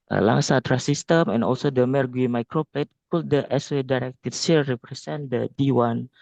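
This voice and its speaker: A man's voice: mid-range voice, gravelly, a little mellow, dry recording. Man on a patchy, muffled video call. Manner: halting, apologetic. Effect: unstable video-call connection. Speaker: audience member asking a question. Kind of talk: question in a lecture Q&A.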